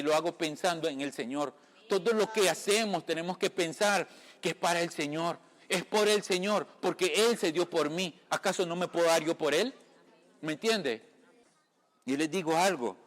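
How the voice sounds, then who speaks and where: A Caribbean lay preacher gives an informal sermon, chatting with his listeners, often calling them brother and making sure they follow. His voice is on the high side and fairly bright, and the room adds a long reverb.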